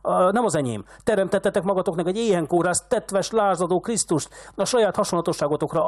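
A man reading aloud as a furious old rich village patriarch who shouts insults and rants at a younger man. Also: extremely high pitch, voice pushed up.

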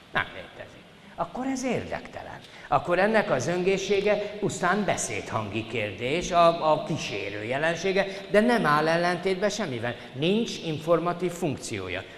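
Addressing his students politely, an older lecturer drives his points home with emphasis during a formal university talk. His voice is mid-range and a bit bright, echoing through a reverberant lecture hall with faint hiss.

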